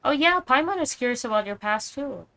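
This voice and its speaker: A woman voicing a small, eager fairy companion as she reads game dialogue aloud, chatty and curious, pitched higher than her own voice. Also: lively intonation, fairly quick, sharp tone, no room sound, heavily acted.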